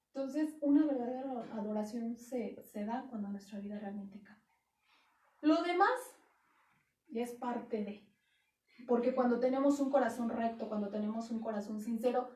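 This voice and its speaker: Woman pastor, high mellow voice, emphatic sermon delivery, echoey church, distant mic. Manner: earnest, emphatic teaching, quotes scripture aloud.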